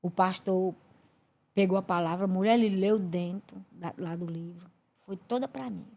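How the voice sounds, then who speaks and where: A woman, a podcast guest giving a religious testimony, telling her story in an animated way and acting out the voices in it. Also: normal speed. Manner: animated storyteller, acts out voices with big pitch swings.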